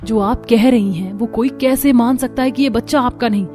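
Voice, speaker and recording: A woman's voice: fairly high pitch, normal speed, over music, natural voice. A woman voicing a caring, sensible young sister-in-law who speaks earnestly and coaxingly.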